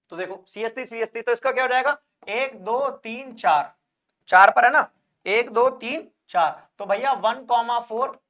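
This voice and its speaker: A man's voice: very high voice, fairly bright tone. A male chemistry teacher giving an exam-prep lecture, asking questions and answering them himself, calling his students brother, and using jokey wordplay to make things stick. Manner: calls students brother and child; jokey memory tricks with wordplay.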